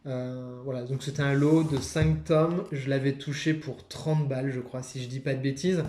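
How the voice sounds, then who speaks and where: Chatty man with a mellow voice. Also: fairly high pitch, reverberant. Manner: chatty, many hesitations. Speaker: comics reviewer. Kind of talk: casual video review.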